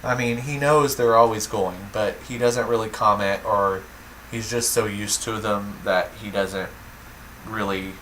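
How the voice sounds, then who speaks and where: A man's voice: lowish voice, fairly even intonation, unhurried, a bit bright, slight background noise, low-quality recording. A man chatting enthusiastically on a home video vlog, with lots of fillers like "um" and "so". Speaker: vlogger. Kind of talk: casual chat.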